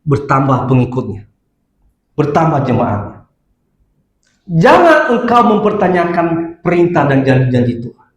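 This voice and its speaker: A male pastor preaching with a high, lively voice that leaps between loud exclamations and soft low asides. The sound rings in a large, echoing church hall. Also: normal speed, pauses often. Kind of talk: sermon.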